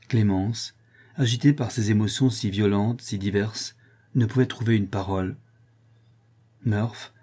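Husky, dark-voiced male audiobook narrator. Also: lowish voice. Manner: measured, expressive reading. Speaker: audiobook reader.

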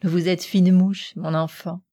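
A woman voicing a tactful, cautious middle-aged aunt who speaks in a hushed, coaxing way in an audiobook reading. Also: fairly low pitch, little pitch movement, takes it slowly, dry recording, studio quality. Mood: soothing. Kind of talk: audiobook character voice.

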